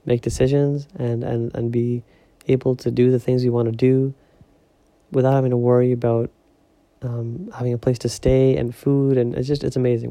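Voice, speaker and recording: A young man hosting a casual solo podcast, rambling with lots of fillers and keeping his voice low so he won't wake others at home. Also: creaky, no echo. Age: young adult. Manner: rambling, filler-heavy, talking softly so as not to wake others. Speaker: podcast host. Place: home at night.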